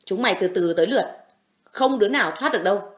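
A woman's voice: mid-range voice, animated, fast talker, close to an everyday voice. A woman reading the lines of a protective young man who soothes his beloved firmly and threatens her attackers. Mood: menacing. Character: protective young man, tender yet menacing.

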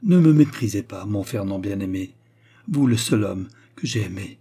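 A man's voice: on the low side, expressive, moderate pace, vocal fry, dark tone, slightly rough, heavily acted. A man voicing a tearful young woman who pleads emotionally with her lover. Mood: pleading.

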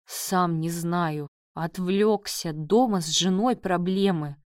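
A woman's voice: on the low side, slow, darkish tone, no room sound, studio quality. A woman reading the part of a dejected male surgeon speaking in a lifeless voice. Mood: despairing. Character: despondent male surgeon who failed.

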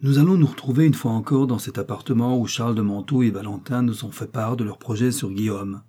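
Male audiobook narrator, mellow and husky, measured dramatic reading. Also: mid-range voice. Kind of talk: scripted narration of a historical novel.

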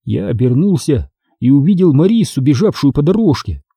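A man reading an audiobook aloud in a dramatic, expressive storytelling manner. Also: a little high, normal speed, husky, dry recording, clean studio sound. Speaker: audiobook reader.

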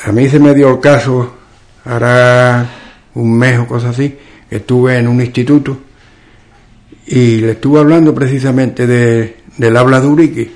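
A man from Ubrique in southern Spain with a western Andalusian accent, explaining local speech in an interview and often pausing to search for examples. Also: mid-range voice, steady tone, a little mellow. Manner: slow and explanatory, often pauses with "¿qué digo yo?". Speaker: author and local dialect expert.

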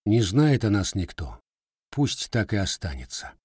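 A man's voice: fairly low pitch, big pitch swings, unhurried, a little mellow, husky, no echo, studio quality, heavily acted. A man voicing a guarded, scarred young Cossack with plain, blunt village speech.

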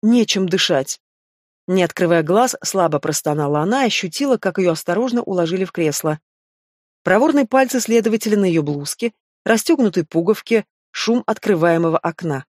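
A woman narrating a fantasy novel audiobook in a steady, measured way. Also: fairly low pitch, no room sound, studio quality. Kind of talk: scripted narration.

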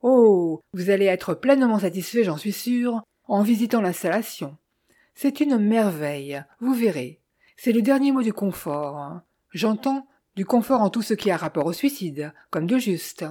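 A woman's voice: mid-range voice, lively intonation, unhurried, dark tone. A woman reading a gracious, smiling male English clergyman in an audiobook. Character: genial English male clergyman, suave landlord.

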